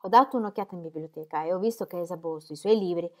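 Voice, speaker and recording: A woman reading aloud voices a fussy, rambling older gentleman who keeps repeating himself in friendly chatter. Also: lowish voice, fast talker, natural voice. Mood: chatty.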